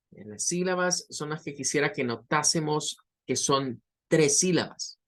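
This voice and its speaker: A man teaching an online pronunciation lesson, patiently repeating words to model each sound. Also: on the high side. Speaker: English teacher.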